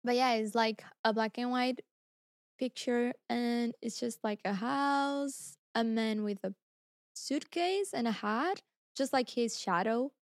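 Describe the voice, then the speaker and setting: A woman co-hosting a casual podcast chat, excitable and quick to laugh. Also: fairly high pitch, clean tone, no echo, studio quality. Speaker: podcast co-host.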